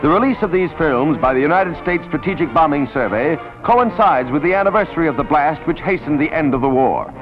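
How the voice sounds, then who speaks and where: A man with a fairly high voice narrates an old newsreel in a solemn, measured way. The 1940s film sound is muffled and lo-fi, and clear music plays behind him. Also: animated.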